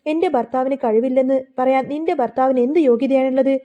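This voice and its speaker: A woman voicing a protective young wife who speaks in a sharp, chiding way. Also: high voice, fast talker, natural voice.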